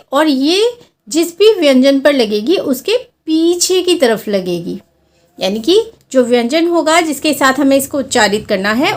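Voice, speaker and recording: A woman with a high voice takes her listeners through a Hindi lesson. She explains each vowel sign patiently and step by step. She draws out example words slowly to show long and short vowels. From India. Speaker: Hindi teacher. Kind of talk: classroom-style lesson explaining vowel signs.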